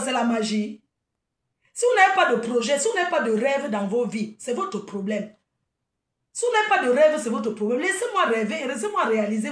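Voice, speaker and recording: A woman's voice: sits high, a bit bright, far from the mic. A woman talking straight to her audience in an unscripted live video, scolding her critics and then chatting and laughing with them. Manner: chatty and laughing, calls listeners "maman". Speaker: event planner and vendor. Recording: echoey room, voice off-mic.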